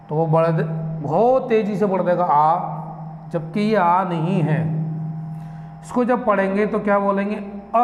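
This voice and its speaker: Male lecturer, high voice, slow deliberate delivery, roomy reverb with faint ambience. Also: slight background noise. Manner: slow, deliberate, drawn-out syllables, rhetorical questions. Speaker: teacher. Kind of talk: classroom lecture. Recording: echoey room, faint ambience.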